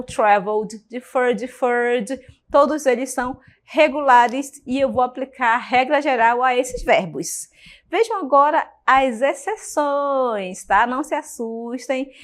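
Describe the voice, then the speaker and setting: Woman, Brazilian Portuguese accent, English teacher, patient classroom explaining, slightly high voice. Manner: patient, checks in often with students. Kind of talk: recorded class lesson.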